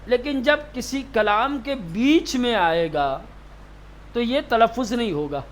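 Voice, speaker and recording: High-voiced man teaching a lesson. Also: a little hiss or hum. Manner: repeats terms slowly, asks and answers his own questions. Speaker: religious teacher. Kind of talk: classroom lesson on Quranic reading.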